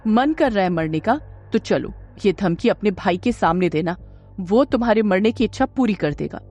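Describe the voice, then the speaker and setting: Woman doing cold angry bodyguard man, harsh, scolding, threatening, audio-story voice, mid pitch. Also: expressive, moderate pace, warm tone, soft background music.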